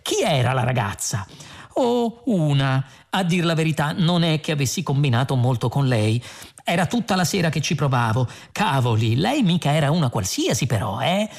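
A woman's voice: sits low, big pitch swings, moderate pace, a little mellow, full character voice. A woman voicing an insistent aggrieved Englishman.

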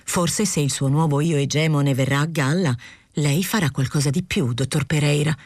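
A woman reading as a calm, frank male doctor. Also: sits low, moderate pace, no echo, studio quality. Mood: earnest. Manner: calm, probing, gently lecturing.

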